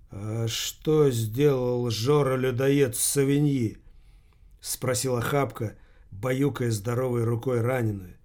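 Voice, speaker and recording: A man's voice: mid-range voice, a little mellow. Man narrating an audiobook evenly.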